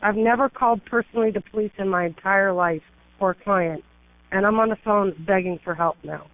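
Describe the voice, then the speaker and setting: Over a tinny telephone line, a middle-aged woman attorney calls an emergency number, her medium-pitched voice brisk. She sounds urgent and pleading as she stacks up emphatic lists of complaints.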